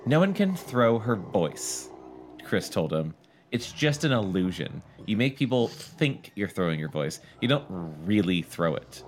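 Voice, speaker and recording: A man's voice: lowish voice, very animated, measured pace, a little hiss or hum. A man co-hosting a podcast, reading a book aloud and joking and swearing casually between passages. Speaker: podcast co-host.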